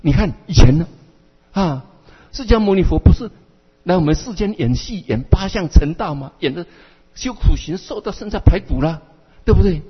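A man teaching as a Buddhist teacher, telling a sermon story in an animated way and often checking with his listeners, heard in a dull, echoey hall recording. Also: high-pitched, moderate pace, husky. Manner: animated storyteller who often asks the audience "right?".

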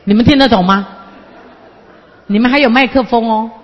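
A woman's voice: on the high side, normal speed. A woman, a counseling lecturer telling a story to an audience and acting out the dialogue. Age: 50s. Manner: lively, acts out dialogue and mimics people. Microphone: handheld microphone. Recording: echoey hall, dull lo-fi sound.

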